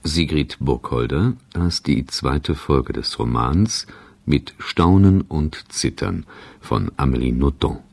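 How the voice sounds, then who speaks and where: A man giving a formal announcement as a radio announcer, measured and even. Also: very deep voice, gravelly, no room sound.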